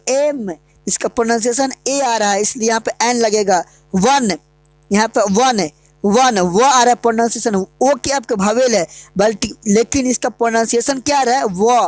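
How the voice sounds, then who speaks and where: A woman's voice: fairly high pitch, darkish tone, no room sound. A woman teaching English grammar in an online lesson, asking the class questions and answering them herself.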